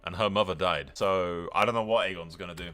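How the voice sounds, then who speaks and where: A video game streamer narrates a strategy game playthrough with casual, improvised commentary, telling stories in character and swearing freely in a jokey, colloquial, foul-mouthed way. His voice is low, a little fast and fairly bright, with soft background music.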